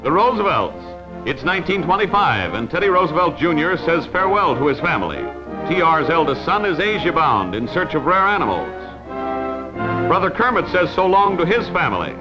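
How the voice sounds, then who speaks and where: A man's voice in old newsreel style, pitched high and swooping lively through each line, with an emphatic announcer delivery. The dull, lo-fi archival sound sits under a loud music score. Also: moderate pace. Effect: old newsreel narration. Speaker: newsreel narrator. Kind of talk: 1940s newsreel narration.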